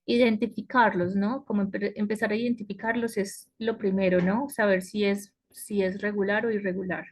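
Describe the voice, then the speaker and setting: A woman's voice: medium pitch, level tone, moderate pace, hardly any pauses. Woman teaching English grammar. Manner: explains step by step, often checks with "¿cierto?" and "¿no?". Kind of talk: online class lecture. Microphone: computer mic on a web conference.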